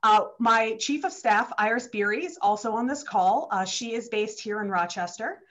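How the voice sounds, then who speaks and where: A young woman, a state legislator, opens a virtual town hall from her district office, speaking at a normal pace in a highish, fairly bright voice with lively intonation. She's chatty and a bit out of breath, full of fillers and restarts, and the video call audio sounds dull and lo-fi.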